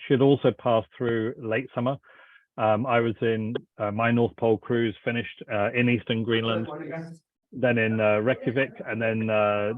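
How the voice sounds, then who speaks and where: A man answering questions as a company representative, informal and halting in his delivery. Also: on the low side, no echo. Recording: thin phone-like line.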